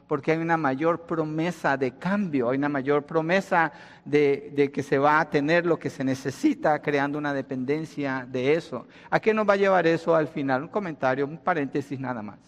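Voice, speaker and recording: Colombian-born man preaching in a reverberant hall. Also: on the high side. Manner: conversational, with rhetorical questions and emphatic rises. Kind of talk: sermon.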